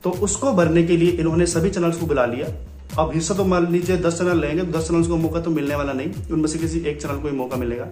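Young male news host, slightly high voice, chatty update to camera, roomy recording. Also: fairly even intonation, fast, warm tone, soft background music. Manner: chatty, repeats filler phrases, addresses viewers as friends. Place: small room indoors.

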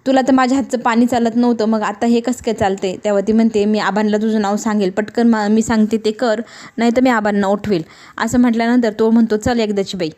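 A woman's voice: on the high side, flat delivery, quick pace, a little mellow. A woman retelling a serial episode, reading every character's lines in her own voice. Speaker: serial recap narrator.

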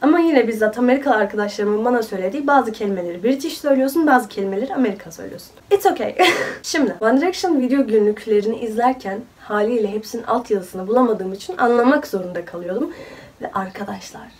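A chatty vlogger in her twenties who laughs often and talks casually, her voice a little off from a cold. She sounds fairly high-pitched and sits a bit away from the mic. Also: fast talker, darkish tone, far from the mic. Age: 20s. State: sick with a cold. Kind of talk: casual chat.

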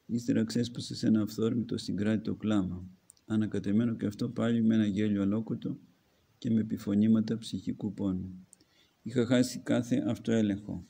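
A man's voice: on the low side, steady tone, creaky, warm tone, husky. A man, an Orthodox archimandrite, reads a book aloud as a homily and breaks off to add his own comments. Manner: reads narrative then pauses to comment.

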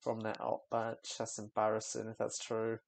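Gravelly young man, rambling. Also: on the low side, monotone, moderate pace, dry recording. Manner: candid, rambling, trails off with fillers. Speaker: music reaction YouTuber. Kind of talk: casual reaction commentary.

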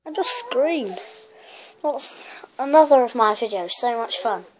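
A woman's voice: fairly high pitch, wildly swooping pitch, measured pace, a little hiss or hum. A woman YouTuber chatting casually in a rambling, self-mocking way as she looks back at her old videos. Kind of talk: casual vlog commentary.

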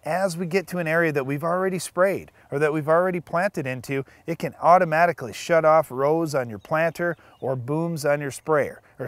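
A man's voice: a little high, dry recording. A man in his thirties co-hosting a farm show outdoors, explaining farm methods in an upbeat way. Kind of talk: casual farm talk. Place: outdoors in a green field.

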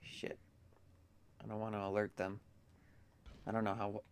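A man's voice: lowish voice, a little slow, clean tone. Groggy-voiced man commenting on a game. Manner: relaxed, mumbling, with bursts of swearing. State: groggy morning voice. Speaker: gamer playing a video game. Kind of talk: casual gameplay commentary.

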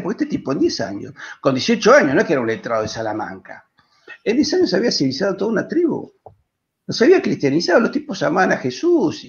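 An Argentine man speaking as a guest historian, telling a historical story with lively digressions and voicing the people in it. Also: on the high side, vocal fry, dull audio. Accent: Argentine Spanish. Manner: lively, digressive, voices quoted characters. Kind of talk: animated storytelling in a panel discussion.

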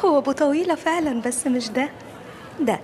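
A woman's voice: high-pitched, brisk, noisy background, lightly acted. An actress playing a mocking young woman with an Egyptian accent, teasing a man as she shows off her fiancé. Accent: Egyptian Arabic. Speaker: bride-to-be.

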